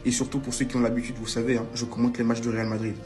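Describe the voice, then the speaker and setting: A man chatting calmly and wryly to viewers on match day, asking them questions. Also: mid-range voice, very fast, soft background music. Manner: calm, wry, asks viewers questions. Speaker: football content creator. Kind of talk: casual match-day chat.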